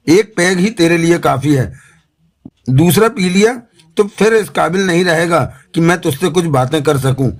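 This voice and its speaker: A man voicing a stern older woman addressed as Amma, who speaks firmly and gives orders, in an audiobook. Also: fairly high pitch. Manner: firm, commanding.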